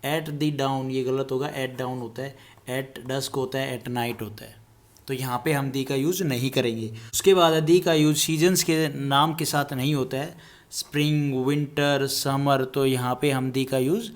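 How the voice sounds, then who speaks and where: A man teaches English grammar to a class in Hindi, speaking in a casual, explanatory way and addressing the students directly. When he reaches the English examples or word lists, he slows down and reads them out one by one, sometimes saying a word twice. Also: mid-range voice, fairly even intonation. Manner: lists words one by one, repeating some.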